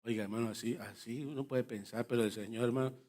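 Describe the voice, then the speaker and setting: A man's voice: mid-range voice, fairly even intonation, fast talker, darkish tone. A male pastor, preaching a fervent sermon and addressing the congregation as brothers. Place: church.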